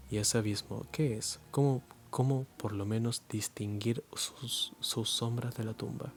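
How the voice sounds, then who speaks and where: A low-pitched man from Chile reads softly in a flat, even tone, as in an ASMR reading. He halts often, restarting words and filling gaps with hesitations. His throat sounds strained and a little muffled. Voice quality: low-energy, muted voice. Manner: halting, stumbling reading with frequent restarts and fillers. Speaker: ASMR reader.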